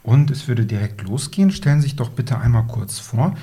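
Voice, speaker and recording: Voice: mid-range voice, sing-song, brisk, dark tone, slightly rough. An interviewer asking polite, formal questions in a short university interview.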